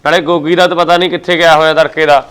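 An actor playing a complaining bachelor uncle in a Punjabi village family drama, speaking with a Punjabi accent. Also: male voice, on the high side, level tone, rapid-fire, fairly bright tone, clear, resonant tone, lightly acted. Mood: quarrelsome. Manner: complaining, self-pitying.

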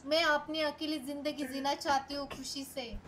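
A woman's voice: high-pitched, fairly even intonation, normal speed, over a noisy crowd. A woman with an Indian accent teasing and bossing others during a game role-play. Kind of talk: casual role-play chat.

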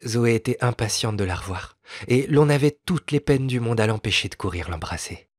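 A man narrating a classic fairy tale as an audiobook, with a measured, expressive reading. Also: mid-range voice, no room sound, studio quality. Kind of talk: storybook narration.

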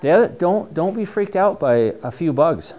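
A middle-aged man with a New England accent teaches mushroom foraging in a dim classroom, showing slides on a projector screen in a casual, chatty, enthusiastic way. His voice is high-pitched and mellow with lively intonation at a moderate pace, captured by a camera mic set far away.

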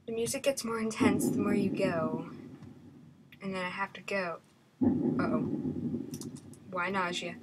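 A woman giving horror game commentary, nervous and jumpy, often dropping into half-whispered asides. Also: mid-range voice. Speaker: gamer. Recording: loud background noise.

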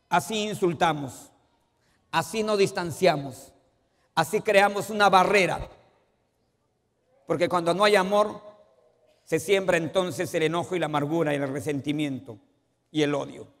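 A man delivers a sermon in a high, lifted voice. He quizzes his listeners and moves from forceful emphasis to quiet asides. His words trail off into the long reverb of a church hall. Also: a little slow, long pauses. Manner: asks the congregation questions, swings between loud emphasis and quiet asides. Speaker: pastor. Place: church sanctuary.

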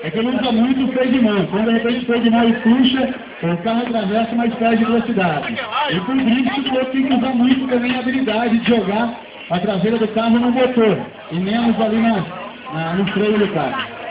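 A man's voice: extremely high pitch, fairly quick. Distant, echoey Brazilian man announcing motorsport. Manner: informal, chatty. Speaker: event announcer at a drift show. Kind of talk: live motorsport commentary mixed with casual crowd banter. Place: outdoor race track, heard from the spectator stands. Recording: muffled, echoey, distant PA amid loud engine noise. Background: loud car and vehicle noise.

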